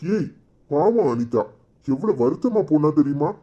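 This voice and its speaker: A gossipy office friend with a Tirunelveli Tamil accent, voiced by a man. He chats and mocks in a warm, dark tone. The recording sounds a little dull and lo-fi. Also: on the high side, expressive, unhurried. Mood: mocking. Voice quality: mocking, chatty. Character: gossipy male office friend, cheeky and mocking.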